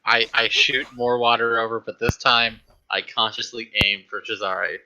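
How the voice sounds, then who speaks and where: A man playing a tabletop game, talking in a hesitant, halting way with many restarts. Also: mid-range voice, fairly even intonation, sharp tone, low-quality recording. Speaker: player.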